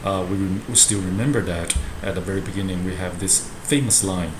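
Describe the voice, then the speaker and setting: A low-pitched, brisk male voice belongs to a university lecturer teaching a Shakespeare class. He lectures students like a professor, explaining a play text and often tacking on short tag questions. The recording has a roomy echo and clearly audible background noise.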